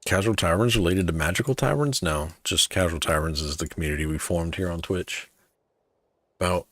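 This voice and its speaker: A male game streamer with a fairly low voice. He reads out quest names and chats casually, and the sound is very dry and close. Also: fairly quick, a bit bright, dry recording. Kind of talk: reading game quests aloud, casual asides.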